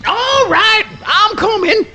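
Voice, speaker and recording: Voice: very high-pitched, expressive, slow pace, pushed and bright, faint music behind, exaggerated voice. An actor voicing a mild-mannered male possum in folksy swamp dialect with mangled grammar, in a live radio play. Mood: concerned.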